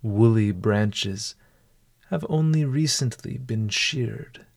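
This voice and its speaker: A man leading a guided walking meditation in a calm, deliberate, measured way. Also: lowish voice, gravelly.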